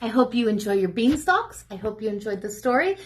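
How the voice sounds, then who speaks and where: A children's librarian reading a story aloud while walking kids through a simple snack recipe in a lively sing-song manner, recorded at home for a remote program. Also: female voice, on the high side, a little fast. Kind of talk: storytelling cooking demo for children. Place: home kitchen, remote video.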